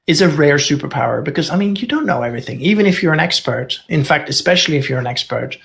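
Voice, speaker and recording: A man with a voice on the high side, expressive, fast, gravelly and fairly bright, speaks English as a guest expert in a casual conversational interview. A native Dutch speaker who grew up in Norway, he's candid and thinks aloud, adding wry asides.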